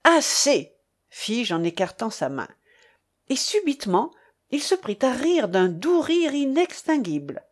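A woman narrating a novel in a dramatic, expressive reading. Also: on the high side, unhurried. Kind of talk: audiobook narration.

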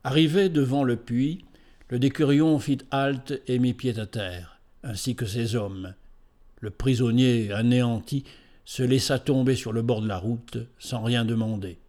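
A man giving scripted storybook narration in a steady, measured reading voice. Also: medium pitch.

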